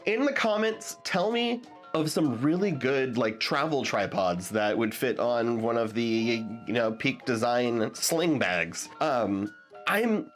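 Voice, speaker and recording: Still stuffed up from being sick, a chatty young tech vlogger talks loosely about products in a mid-range voice. His delivery wanders, he restarts often, and he checks in with viewers by asking "you feel me?"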